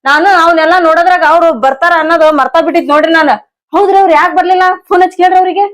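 A woman's voice: extremely high pitch, fairly even intonation, very fast, fairly bright tone. A woman with a North Karnataka accent, acting a wife in a comedy sketch, scolding and complaining. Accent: North Karnataka Kannada.

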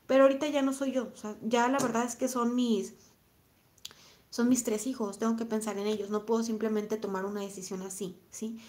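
Soft-spoken Mexican woman, slightly high voice. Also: fairly even intonation, brisk. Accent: Mexican Spanish. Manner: reflective, soft-spoken, repeats phrases. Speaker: vlogger reading live chat. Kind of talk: live stream chat, reading comments.

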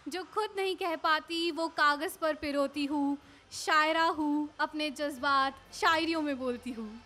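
A young woman performing her own spoken word poem at an open mic, slow, soft and wistful, into a stand mic on a small cafe stage. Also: sits high. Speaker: poet. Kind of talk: spoken word poetry recital. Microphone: handheld mic on a stand.

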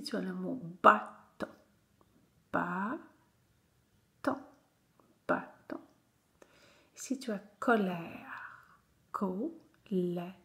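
A woman's voice: lowish voice, gravelly, fairly bright tone. A woman teacher, patiently guiding young children through a reading lesson and repeating each word several times.

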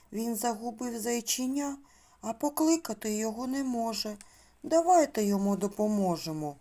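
A woman giving a speech lesson to small children, talking in a slow, sing-song way. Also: mid-range voice, warm tone. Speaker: preschool speech teacher.

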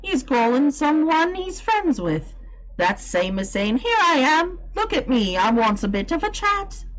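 A woman's voice: high voice, sing-song, unhurried, pitched above the performer's own voice, rough recording. A woman doing a cheerful farm boy. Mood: friendly. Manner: broad dialect, gentle and friendly. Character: cheerful Yorkshire farm boy who talks to birds. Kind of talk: storybook reading.

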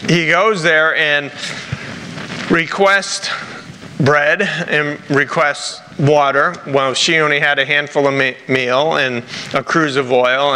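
A middle-aged pastor with a Rhode Island accent preaches and reads scripture in a halting, deliberate way, a man at a church pulpit. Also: medium pitch, sharp tone. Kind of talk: sermon with scripture reading. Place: large church sanctuary, at a pulpit. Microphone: lapel mic. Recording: echoey church hall with background noise.

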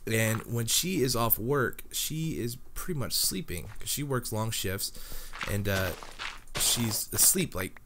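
Recording at home beside his sleeping girlfriend, a young man who makes Minecraft videos chats over his gameplay with background music playing. His voice sits on the low side, nasal and scratchy from a head cold, and at a measured pace he rambles chattily, filling gaps with "um" and "like."

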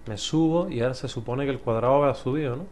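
A young man with an accent from Spain, commentating a puzzle game as he plays, muttering, swearing and now and then yelling in frustration. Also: medium pitch, fast talker. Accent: Spanish from Spain. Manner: swears a lot, mutters to himself, bursts into frustrated yells. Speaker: gameplay commentator. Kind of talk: let's play commentary.

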